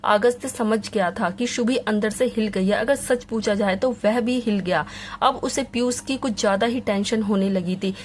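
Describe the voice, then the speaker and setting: A woman narrating a Hindi audio novel in a dramatic, expressive reading style. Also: medium pitch, normal speed, slight background noise. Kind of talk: scripted story narration.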